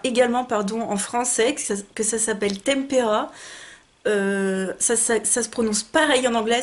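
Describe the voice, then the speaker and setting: A young woman talking to her viewers in a relaxed beauty vlog. Her voice sits a little high, and she rambles warmly and effusively, with frequent fillers and self-corrections. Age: 20s. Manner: chatty, effusive, many fillers and restarts. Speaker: beauty vlogger. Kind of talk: casual haul video chat.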